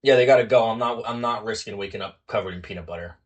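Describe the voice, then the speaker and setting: A man's voice: lowish voice, fast, husky. A tipsy young man co-hosting a podcast, bantering casually and repeating himself over a drinking card game. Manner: tipsy, repetitive, rambling talk while drinking. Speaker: podcast co-host.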